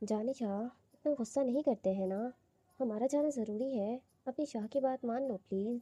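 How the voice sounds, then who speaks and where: A teasing, romantic young husband, read by a woman in a coaxing, playful tone. The voice is husky and very mellow, fairly high for a woman, with a close, dry sound. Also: no echo. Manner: coaxing, playful, lightly reading.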